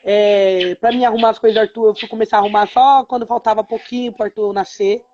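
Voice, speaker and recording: A woman's voice: fairly high pitch, fairly even intonation, quick pace, a little mellow, muffled recording, slight background noise. A woman telling her own story as a mother in a live stream interview, with hesitant fillers and quoted dialogue. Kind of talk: emotional personal testimony on a live stream.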